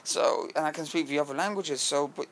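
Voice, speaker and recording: A man's voice: fairly high pitch, a little hiss or hum. Man, talkative cruise director. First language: French. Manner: fluent and talkative, frequent filler pauses. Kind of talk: podcast interview answers.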